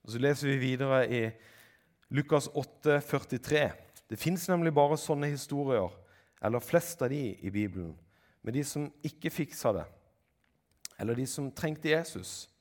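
A man delivers a sermon with a mid-range voice. He reads Bible passages aloud, lifting his pitch to act out the voices, then comments on them in a plain, conversational tone. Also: a little mellow. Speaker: preacher.

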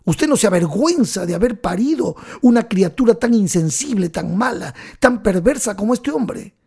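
A man voicing a stern, indignant male judge who speaks with high-pitched scorn. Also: lively intonation, moderate pace, vocal fry, a little mellow, breathy edge, exaggerated voice. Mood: scornful.

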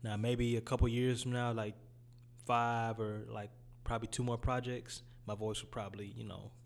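A young man from Detroit with a raspy voice, talking about his music in a laid-back, casual interview. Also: mid-range voice, level tone, moderate pace, a little hiss or hum. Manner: laid-back, loose phrasing with fillers. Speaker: guest rapper.

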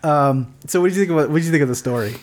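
A man's voice: a little high, rapid-fire. A man co-hosting a podcast, chatting casually and enthusiastically about movies, with lots of fillers and restarts. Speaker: podcast co-host. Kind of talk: casual movie-review chat.

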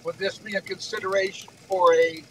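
A man's voice: high voice, fairly even intonation, brisk, sharp tone, slight background noise, rough recording. A middle-aged man co-hosting a casual podcast, playful and joking, often stumbling into restarts. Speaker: podcast co-host. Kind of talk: casual chat.

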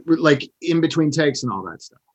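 A middle-aged man interviewing an actress, chatting in a relaxed way with plenty of fillers. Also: a little high, normal speed, lo-fi sound. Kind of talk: casual interview chat.

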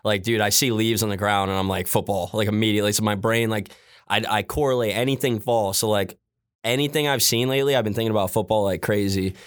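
A man with a somewhat low voice, rambling in an excited, loose way during casual podcast chat. The sound is dry and close to the mic. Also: fast talker, clear, resonant tone, no room sound.

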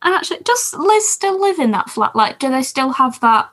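A woman's voice: high-pitched, very animated, normal speed, a bit bright. A woman co-hosting a podcast, chatting enthusiastically about TV shows with lots of fillers. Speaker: podcast co-host. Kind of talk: casual chat about TV shows.

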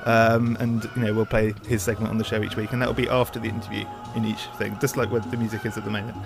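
A man hosts a podcast, talking fast and rambling with plenty of ums and uhs. Music plays clearly beneath his voice. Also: on the low side, level tone. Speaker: podcast host. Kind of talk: casual show intro and interview.

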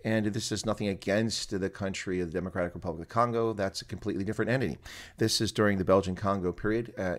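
A man hosting a casual live stream, chatty, fast and full of fillers and restarts. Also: fairly low pitch.

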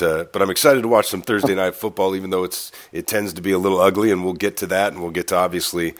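Deep-voiced congested male podcast host. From United States. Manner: talkative, rambling with restarts. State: congested, nasal from a cold. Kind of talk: casual sports podcast chat.

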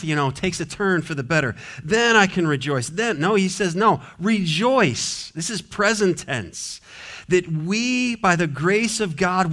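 A man's voice: fairly high pitch, a bit bright. A man preaching a sermon as pastor, emphatic, his voice rising and dropping sharply. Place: church sanctuary.

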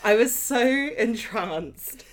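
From her home flat, an English woman co-hosts a podcast, bantering playfully and teasing her friend in casual chat. Her mid-range voice is animated and she takes her time.

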